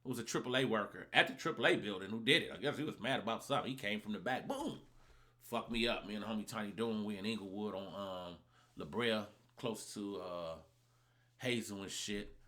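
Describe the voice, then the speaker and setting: A man telling a personal story in a casual, profane and animated way, acting out other people's lines. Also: lowish voice, fairly quick. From Los Angeles.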